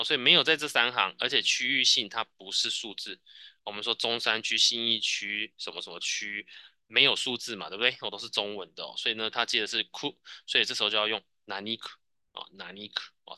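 Teaching Japanese in a Taiwanese Mandarin accent, this man drills his students with patience, echoing their answers and tagging lines with "哦" again and again. His somewhat low voice sounds pushed and bright, with no room sound.

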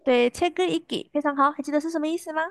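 A woman teaching a language lesson, patiently repeating words slowly and clearly for her students. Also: sits high, no echo, studio quality.

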